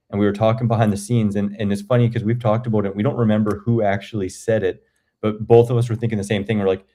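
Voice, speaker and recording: A Canadian man in his forties, with a fairly low, dark voice, chats enthusiastically as a guest on a video call. It's casual conversation, and he rambles his way through his stories.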